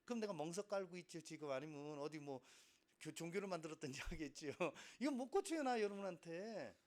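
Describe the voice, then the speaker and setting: A middle-aged man with a fairly high-pitched voice talks fast while teaching a Korean language class. He lectures animatedly, acts out his students' voices, laughs often, and asks plenty of rhetorical questions.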